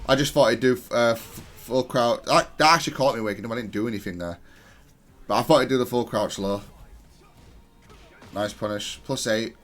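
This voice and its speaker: A gamer reviews his own match in analytical commentary, matter-of-fact and self-critical. His medium-pitched, slightly bright voice moves at normal speed with frequent pauses, and faint music plays behind him.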